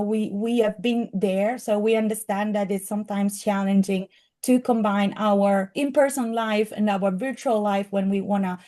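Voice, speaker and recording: A middle-aged woman with a strong Italian accent presents her program in earnest, working through frequent fillers and restarts. Her voice is mellow and soft-edged, sitting at a middle pitch. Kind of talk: presentation to an audience.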